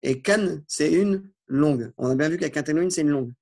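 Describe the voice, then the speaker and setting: A man teaching an Arabic lesson, patiently walking through exercises and slowly spelling out Arabic words. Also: on the high side, vocal fry, darkish tone. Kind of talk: classroom lesson explaining exercises.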